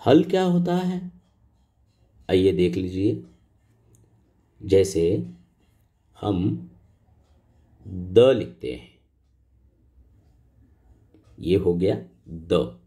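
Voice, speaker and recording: Patient, slow-talking male teacher. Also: sits low, big pitch swings, mellow. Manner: patient, explains step by step with questions to pupils. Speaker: school Hindi teacher. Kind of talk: classroom grammar lesson.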